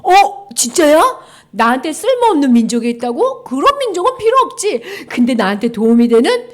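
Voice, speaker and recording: A woman's voice: high-pitched, very animated, moderate pace. A woman playing an eager, greedy king. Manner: loud, eager exclamations. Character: easily swayed greedy old king.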